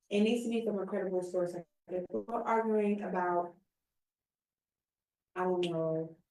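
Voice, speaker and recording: Heard through a somewhat distant mic in a roomy space, a recent college graduate in her twenties chats casually. Her voice is fairly low with a dark tone, and she speaks with earnestness and plenty of expression.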